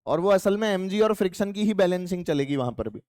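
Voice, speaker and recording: A male physics teacher lectures in a classroom with a high, lively voice. He jokes with and teases his students as he explains. The sound is crisp and dry, with almost no room echo. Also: fast. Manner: playful, chatty, teasing students.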